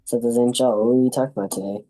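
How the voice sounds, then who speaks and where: A man's voice: mid-range voice, level tone, fast talker, dark tone, rough recording. A young man reading a prepared talk as a student presenter in a class.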